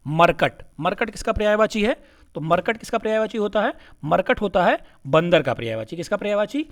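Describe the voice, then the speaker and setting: A man with a high voice gives an exam-prep lesson. He keeps putting questions to the class and answering them at once. He often repeats a key word with a quick "kya?" to make it stick. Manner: asks questions then answers them himself. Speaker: teacher.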